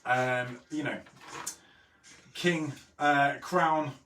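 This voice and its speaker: Hosting a live online drawing lesson, a man chats easygoingly while he draws, saying w in place of his r sounds. His voice is a little high and a bit bright, at normal speed. A distant mic gives a roomy echo with faint noise.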